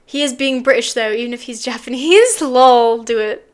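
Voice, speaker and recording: A young woman streaming, chatting casually in a bubbly, excitable way with quick asides. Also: on the high side. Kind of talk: casual live-stream chat.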